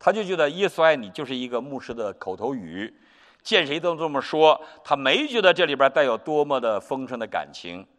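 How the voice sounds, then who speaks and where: A male pastor preaching a sermon, telling a story with lively animation. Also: medium pitch, a little fast. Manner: animated storytelling, acts out quotes. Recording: long reverb hall.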